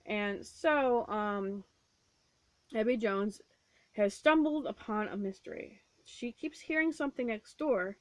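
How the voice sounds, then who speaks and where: A woman's voice: medium pitch, takes it slowly, no echo. A woman casually reviewing books on her vlog at home, chatty and rambling with lots of fillers and restarts. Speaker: book vlogger. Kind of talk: casual book review chat.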